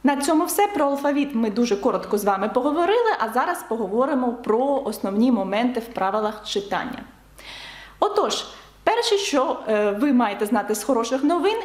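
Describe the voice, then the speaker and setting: A woman teaching beginners, her voice sitting a little high as she explains each point with emphasis and repeats examples slowly. The sound rings out in a room with clear echo. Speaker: French teacher. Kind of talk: online lesson for beginners.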